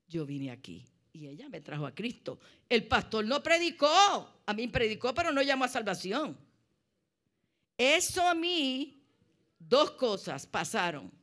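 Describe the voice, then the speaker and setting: A middle-aged woman with a Puerto Rican Spanish accent, sharing her personal faith testimony in an animated, storytelling way. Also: a little high. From Puerto Rico. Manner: animated storytelling with laughs and acted quotes. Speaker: church member sharing testimony.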